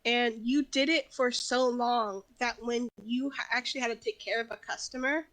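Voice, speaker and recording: A woman's voice: fairly high pitch, steady tone, moderate pace, fairly bright tone, no echo, rough recording. A woman co-hosting a podcast, telling anecdotes in casual chat and laughing often. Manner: laughs often, chatty storytelling. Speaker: podcast co-host.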